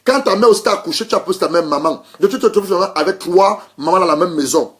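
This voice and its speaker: A man's voice: sits high, fast, a bit bright. A man preaching a sermon as pastor, driving points home by repeating phrases, with frequent restarts and hesitations, and greeting listeners by name. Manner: emphatic repetition, welcomes online listeners.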